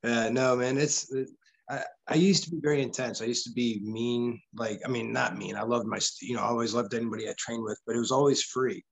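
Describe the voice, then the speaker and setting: A husky-voiced man speaks as a podcast guest, rambling candidly and swearing freely as his thoughts spill out. The talk is loose, animated conversation. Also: medium pitch, fairly quick, poor audio. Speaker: podcast guest, grappling coach. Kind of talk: casual interview chat.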